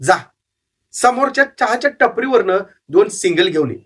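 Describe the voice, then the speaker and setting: Guy doing a cranky old fortune-teller, blunt and streetwise, kinda high voice, storybook style. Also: lively intonation, normal speed, fairly bright tone, slightly rough, exaggerated voice. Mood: amused, knowing. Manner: blunt, scolding, worldly. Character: gruff old male street fortune-teller, shrewd and cynical.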